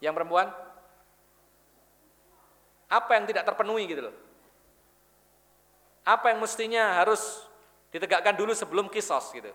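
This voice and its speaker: A man with a high, bright, forceful voice preaches Islam in a mosque at a normal speed, pausing often. He tells stories and puts questions to the audience, while the hall gives a long reverb.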